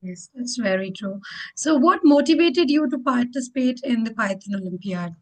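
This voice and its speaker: Woman host, somewhat high voice, encouraging tone, reads set interview questions. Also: expressive, normal speed, low-quality recording. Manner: encouraging, repeats warm praise between questions.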